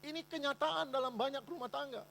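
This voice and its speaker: High-voiced man preaching. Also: fast talker, vocal fry, fairly bright tone, slight background noise. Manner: emphatic preaching, voicing complaining wives in quotes. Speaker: pastor. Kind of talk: sermon. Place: church.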